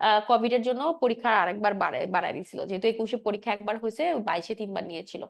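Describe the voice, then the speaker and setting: A woman giving an exam-prep biology lecture, drilling key points and often checking that students follow. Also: high-pitched. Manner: drills points with frequent checks, mixing English terms. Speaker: biology teacher.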